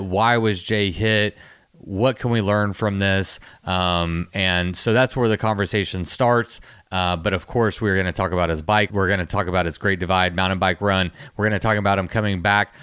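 A man's voice: lowish voice, fairly bright tone, clear, resonant tone, dry recording, clean studio sound. A man hosting a casual interview podcast, upbeat and chatty with self-mocking jokes. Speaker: podcast host.

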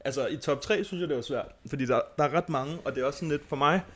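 A man hosting a podcast, chatting casually and telling stories in a rambling, animated way. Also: a little high. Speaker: podcast host. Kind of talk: casual chat about fighting.

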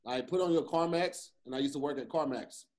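This is an American man with a notably high voice for a male speaker. He hosts a podcast, talking in loose, slangy banter with a group. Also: a little fast, darkish tone. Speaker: podcast host.

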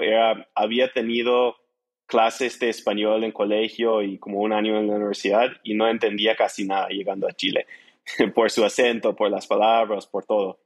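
Speaking Spanish as a non-native with little grammar mistakes, a thirty-something American entrepreneur chats casually about his experience as an interview guest. English is his mother tongue, his accent is American, and his male voice is on the low side.

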